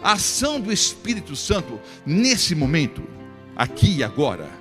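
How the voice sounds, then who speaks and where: A male pastor preaches with an animated, up-and-down delivery and a fairly high voice. His emphatic sermon is full of questions to the congregation. Long church reverb trails each phrase, and soft music sits underneath. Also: normal speed.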